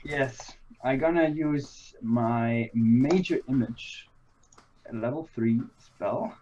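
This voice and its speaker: A man's voice: medium pitch, slow pace, lo-fi sound, background noise. A man playing in an online tabletop game, hesitant and thinking aloud as he plans a spell. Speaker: player. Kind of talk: casual game chat over voice chat.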